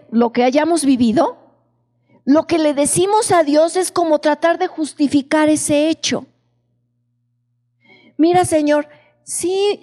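A woman preaching a sermon, slowly putting questions to her congregation. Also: sits high, warm tone. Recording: long echo of a large hall.

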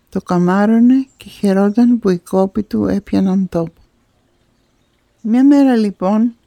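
Warm woman telling a fairy tale. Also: medium pitch, creaky, dry recording, studio quality. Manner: expressive, rising on key moments. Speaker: storyteller.

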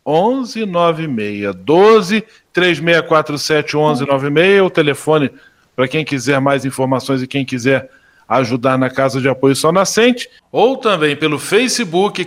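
A man's voice: fairly high pitch, a bit bright. Male radio host. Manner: clear, repeats details for listeners. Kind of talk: radio interview.

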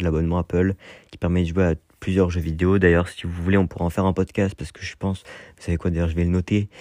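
Young male podcast host, low mellow voice, hesitant and rambling, dry close recording. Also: no room sound. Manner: hesitant, many fillers and restarts. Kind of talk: casual solo podcast talk.

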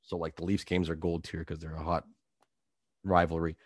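Low-voiced man, relaxed podcast chat. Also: normal speed, no room sound, studio quality. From New Brunswick, Canada. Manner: relaxed, rambling, filler-heavy. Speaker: podcast host. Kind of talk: casual chat over video call. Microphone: video call.

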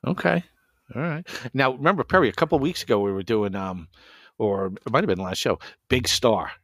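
A man co-hosting a music show in casual chat, excitable and quick to react with exclamations. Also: mid-range voice, no room sound, studio quality. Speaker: podcast co-host.

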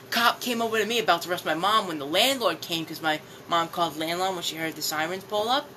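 A man's voice: sits high, pushed and bright, a little hiss or hum, poor audio. A young man telling stories in a casual chat, laughing often and swearing freely as he retells them. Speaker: podcast guest.

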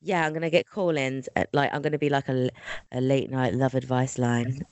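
A woman's voice: extremely low pitch, level tone, a little fast, a little mellow, no echo. A woman co-hosting a true crime podcast in casual chat, swearing freely and laughing often. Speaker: podcast co-host.

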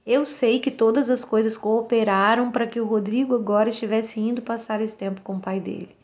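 A woman's voice: a little high, steady tone, fairly quick, a little mellow, highs cut off. A Brazilian woman in her forties, speaking outspokenly and directly in a casual monologue to camera. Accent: Brazilian Portuguese. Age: 40s. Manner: outspoken and direct, acts out quoted voices. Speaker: vlogger.

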